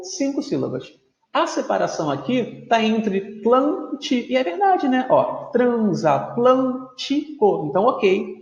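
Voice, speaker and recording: A man's voice: high-pitched, gravelly, a little mellow. A man teaching a grammar video lesson, explaining patiently, drawing out words syllable by syllable and checking in often with his students. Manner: explanatory, drawn-out spelling of words; frequent checking tags like "tudo bem?". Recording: echoey room, dull lo-fi sound.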